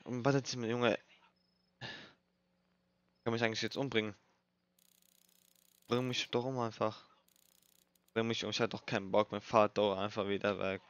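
A man's voice: on the low side, little pitch movement, moderate pace, long pauses, fairly bright tone, no echo. A young man doing nervous, swearing let's play commentary in street slang, reading game text aloud as he plays. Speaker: gaming streamer. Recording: dull lo-fi mic, dry.

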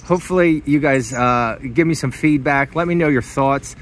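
Here a man speaks at a moderate pace in a fairly high pitch, walking through a hands-on demonstration in a plainspoken, enthusiastic vlogger manner. Recorded in a parked vehicle and outdoors in a driveway, the clip carries clear background noise from the car and surroundings.

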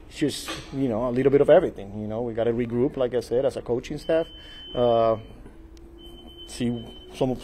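A man in his forties, a baseball manager at a postgame press conference, speaking in a measured, halting way at a table mic in a small press room. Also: mid-range voice, mellow, slight background noise, poor audio. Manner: measured, halting, repeats words and fillers. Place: small press room before a sponsor backdrop. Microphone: table mic in front of him.

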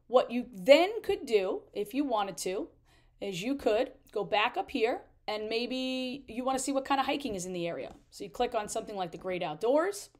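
A woman in her thirties, an RV travel vlogger, explaining a trip-planning tool step by step in a chatty way. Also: on the high side. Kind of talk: screen-share tutorial walkthrough.

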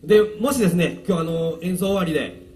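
A man's voice: high voice, fast, a little mellow. A man, a band vocalist, introducing the members between songs in a polite, joking way with small laughs. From Japan. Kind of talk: casual stage MC at a live show. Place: outdoor park stage. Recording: live outdoor recording with guitar behind.

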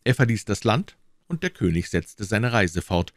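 A man narrating a classic tale in a measured, expressive reading. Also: lowish voice, no room sound, clean studio sound. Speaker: audiobook reader. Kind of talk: storybook narration.

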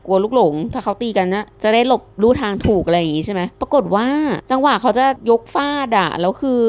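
A woman from Thailand chatting casually to her viewers, telling a lively gossipy story from her day. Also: mid-range voice, fast. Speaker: vlogger. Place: home kitchen.

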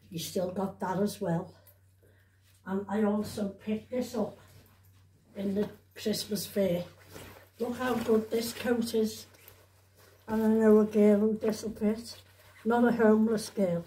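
Showing off a shopping haul indoors, this woman talks casually and repetitively to the camera, often ending lines with small questions. Her voice is mid-range and dark, caught in an echoey home room with a little background noise.

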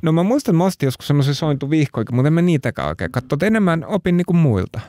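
A Finnish man appears as a talk show guest, telling his story casually and rambling with many fillers and restarts. His voice is a little high, sing-song, and dark in tone, captured in clean studio sound with no echo.

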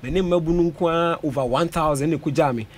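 Fast-talking and on the high side, a young Ghanaian man is interviewed in a radio studio as a parliamentary aspirant. Speaking into a studio mic on a boom, he mixes Twi with English while reeling off vote figures.

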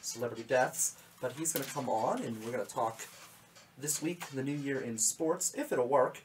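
Medium-pitched and at a moderate pace, this young radio host's voice sounds a little strained, as he nearly lost it. In his small studio, he rambles casually and repeats words at the start of sentences. A faint hiss or hum accompanies his boom-arm mic, and he wears headphones.

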